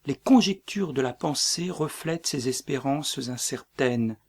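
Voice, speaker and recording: A man reading the part of a noble war leader in a play, solemn and measured. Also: medium pitch, lively intonation, darkish tone.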